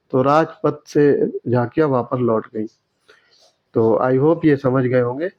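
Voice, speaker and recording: Man explaining exam answers, lo-fi. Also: mid-range voice. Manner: explanatory, repeats words slowly to correct them. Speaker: teacher.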